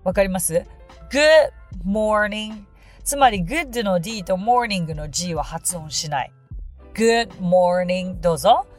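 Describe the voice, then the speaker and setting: A woman hosting a podcast pronunciation lesson, speaking politely and modeling words slowly for listeners to repeat. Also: on the low side, animated, breathy edge, soft background music. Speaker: English pronunciation teacher and podcast host.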